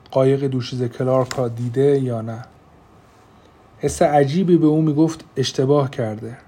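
A man narrating an audiobook in a steady, measured storytelling manner. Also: medium pitch.

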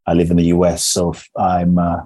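A man's voice: low voice, monotone, a little fast, dark tone, slightly rough, dry recording, rough recording. A man from Ghana who grew up in London, a transformational teacher, speaking earnestly and measuredly as a podcast guest with frequent restarts. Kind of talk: reflective podcast storytelling.

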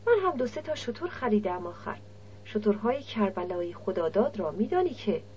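A woman's voice: medium pitch, sing-song, darkish tone, a little hiss or hum, close to an everyday voice. A woman reading the lines of a shrewd, teasing village middleman in an audiobook. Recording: dull lo-fi recording.

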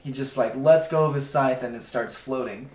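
A man's voice: mid-range voice, normal speed, a little mellow. A man narrating a tabletop game as dungeon master in a casual, joking way. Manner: casual, laughs at his own narration. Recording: echoey room with faint noise.

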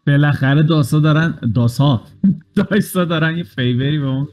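A man's voice: a little high, darkish tone. A man running a tabletop game as game master, walking the players through the rules step by step and dropping English game terms into his speech.

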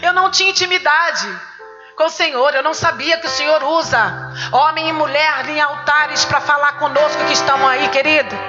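A woman's voice: high-pitched, steady tone, normal speed. A middle-aged woman with a Brazilian Portuguese accent giving a church testimony, telling her story vividly, acting out dialogue and exhorting the congregation. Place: church service. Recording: muffled recording with music behind.

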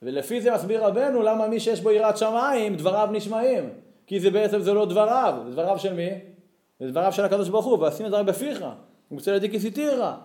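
A man's voice: sits high, expressive, a little mellow, echoey room. A man giving a religious Torah lesson, telling stories expressively and rising to emphatic peaks. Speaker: Torah teacher.

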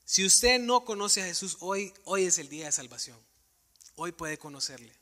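A man's voice: sits high, lively intonation, normal speed, bright, forceful tone. A man preaching a sermon to a congregation, earnest and questioning, addressing the listeners directly. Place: church sanctuary with live congregation. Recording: long hall reverb.

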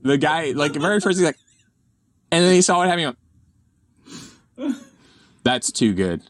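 A man hosting a casual comedy chat, playful and quick to break into goofy voices. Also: fairly high pitch, a bit bright, no echo, clean studio sound. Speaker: show host.

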